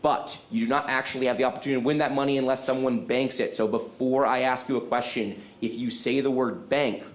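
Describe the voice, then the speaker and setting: A man hosting a live trivia game show on an event stage, upbeat and explaining the rules clearly. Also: medium pitch, steady tone, fast, few pauses, reverberant.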